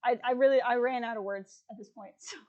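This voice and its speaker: A woman hosts a relaxed livestream conversation. Her voice sits a touch high, and she rambles casually with plenty of fillers and easy laughter. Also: brisk, dull audio. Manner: chatty, filler-heavy, laughs easily. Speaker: livestream host. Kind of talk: casual chat.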